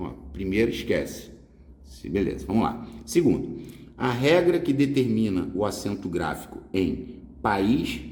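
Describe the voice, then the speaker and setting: Male exam tutor, lowish mellow voice, casual step-by-step explainer, echoey hall. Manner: explains step by step, asks himself questions and answers them. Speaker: exam prep teacher. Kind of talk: casual Portuguese grammar lesson. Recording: echoey room with long reverb.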